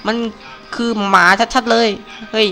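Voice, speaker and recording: A man's voice: a little slow, sharp tone, faint music behind. A young man hosting a live Let's Play, chatty and playful, joking and exclaiming as he plays. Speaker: gaming channel host. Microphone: home mic, recorded live over gameplay.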